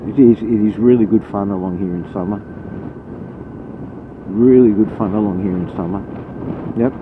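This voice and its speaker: An Australian man giving a casual, rambling, blunt running commentary, his voice muffled inside a helmet as he rides a motorcycle. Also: on the low side. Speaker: motorcycle vlogger. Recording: muffled narrow-band helmet audio, loud road noise. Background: loud engine, wind and road noise.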